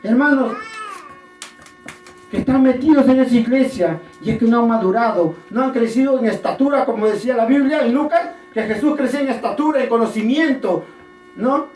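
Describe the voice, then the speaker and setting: A woman preaching a fiery sermon, impassioned and rising to shouts, with frequent hesitations. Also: on the high side, fairly quick. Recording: echoey room, far from the mic, faint music.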